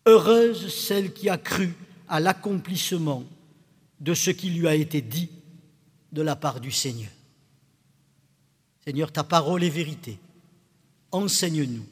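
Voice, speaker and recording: A man leading a Sunday service as pastor, reading scripture aloud in a measured, solemn way. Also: high voice, slightly rough. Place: church sanctuary. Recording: long church reverb, faint organ music.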